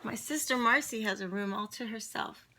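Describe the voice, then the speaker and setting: A woman reading a children's picture book aloud to kids online in a lively, chatty way, with friendly asides. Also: fairly high pitch, moderate pace, slight background noise.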